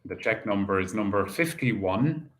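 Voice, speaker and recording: A man's voice: fairly low pitch, expressive, a bit bright, poor audio. Irish man calling out bingo numbers. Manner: measured, formulaic announcing. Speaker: bingo caller and host.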